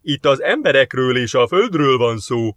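A man voicing a scheming male alien diplomat in an audiobook, formal and calm, quoting rules. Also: mid-range voice, no echo. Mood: defensive.

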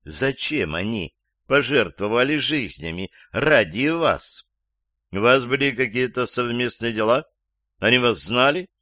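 A male audiobook reader voicing a puzzled, patient male prosecutor who asks measured questions. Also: mid-range voice, animated, pushed and bright, dry recording, clean studio sound, pitched above the performer's own voice. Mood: questioning. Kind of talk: audiobook character voice.

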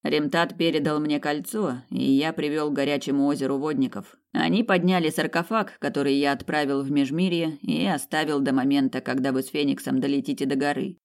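An audiobook reader voicing a calm male duke of darkness, speaking evenly. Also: mid-range voice, a little fast, few pauses, lightly acted.

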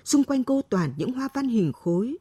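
A woman reading a story aloud in a slow, expressive storyteller's manner. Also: on the high side, breathy edge, dry recording. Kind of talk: scripted narration.

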